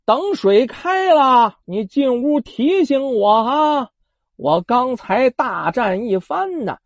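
A storyteller voicing an evil pheasant spirit in human form, gloating and boastful, in a storytelling performance, on a dull lo-fi recording. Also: no room sound. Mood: weary. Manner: booming, mocking laughter, slow drawn-out.

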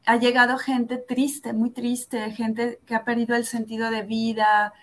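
A female yoga instructor gives a personal testimony during an interview, her voice a little high and level in tone. Earnest and reflective, she slows for emphasis and keeps tagging her phrases with "¿no?".

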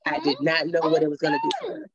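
A woman's voice: low voice, huge pitch swings, quick pace, dull audio, noisy background. A woman in her thirties, chatting on a video call as a mother telling her story, rambling with many fillers and restarts. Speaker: guest, mother. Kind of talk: casual video call chat.

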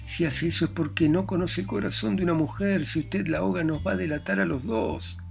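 A man voicing a nervous young lover who speaks in hushed, urgent tones. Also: on the high side, a little fast, soft background music, pitched above the performer's own voice, natural voice. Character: nervous young lover hiding under a bed.

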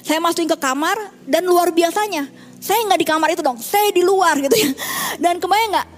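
A woman's voice: very high voice, moderate pace. A middle-aged woman pastor giving a sermon in a candid, conversational way, mixing in English phrases.

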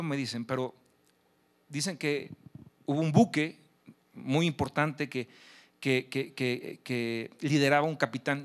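Encouraging pastor preaching. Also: male voice, on the high side. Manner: warm, encouraging, speaks directly to the listener. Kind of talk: sermon.

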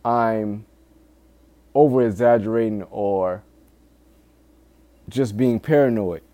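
In a casual, candid solo podcast monologue, a man with a fairly low, mellow voice speaks slowly, swearing often. He earnestly pleads with his listeners, delivering urgent warnings.

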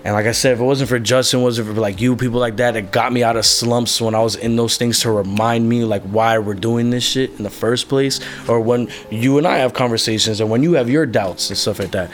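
Fairly quick and hardly pausing, a young man in a musician interview speaks in a steady, medium-pitched voice. He opens up about his life in a loose, rambling way, full of fillers and casual swearing. Slight background noise can be heard.

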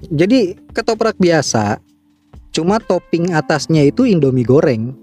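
Animated, teasing Jakarta man bantering. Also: a little high, normal speed, soft background music. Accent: Jakarta Indonesian. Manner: joking, teasing. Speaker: podcast host. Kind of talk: casual comic banter.

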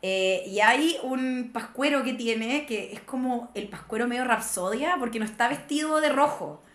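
A young adult woman with a Chilean accent, a podcast guest chatting casually and joking with quick laughs. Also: on the high side, fairly bright tone, echoey room. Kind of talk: casual chat.

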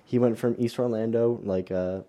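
An American man with a fairly low, dark and relaxed voice chats as a podcast host. He talks like a frat bro, loose and slangy, and swears freely. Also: moderate pace. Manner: frat-bro talk, slangy and heavily profane. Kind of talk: casual chat.

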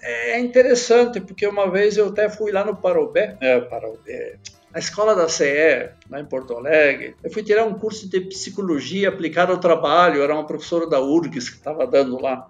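A man's voice: fairly high pitch, expressive, normal speed. Older southern Brazilian man telling stories. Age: 70s. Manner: rambling, acts out quoted dialogue. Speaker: podcast guest. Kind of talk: casual storytelling. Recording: dull lo-fi podcast audio with faint music.

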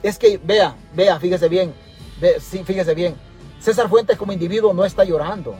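A man's voice: high-pitched, moderate pace, a little mellow, faint music behind. A Salvadoran man ranting passionately from his car during a livestream, repeating himself for emphasis. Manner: impassioned, repetitive, preachy. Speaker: political commentator. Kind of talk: livestream rant.

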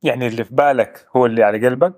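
A man hosting an interview, putting brisk questions to his guest. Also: medium pitch, fairly even intonation, a little mellow, no echo, clean studio sound. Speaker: host.

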